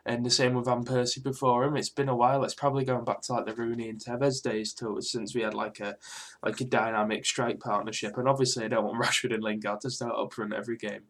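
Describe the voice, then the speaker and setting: A young British man speaks in a quiet but clear voice, held back a little by a sore throat. He rambles casually and swears freely, like a fan recording a match reaction. His pitch sits in an ordinary male middle range. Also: little pitch movement, quick pace. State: mildly ill with a sore throat. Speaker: football fan video host.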